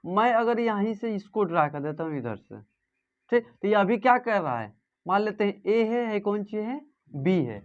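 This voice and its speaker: High-pitched guy with a teaching math, keeps quizzing the class, dull lo-fi audio. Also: big pitch swings, moderate pace. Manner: asks students questions and repeats answers. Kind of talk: classroom lesson. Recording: dull lo-fi sound.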